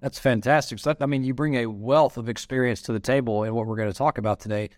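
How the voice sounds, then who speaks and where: A man's voice: mid-range voice, fairly even intonation, fast, no room sound, studio quality. A man with a Southern US accent hosting a podcast interview in a loose, chatty way, full of "you know" fillers. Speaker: podcast host. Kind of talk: casual interview chat.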